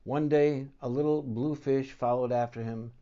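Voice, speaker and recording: A man's voice: medium pitch, steady tone, moderate pace, dark tone, dull audio. A man reading a picture book aloud for children as a storyteller and host.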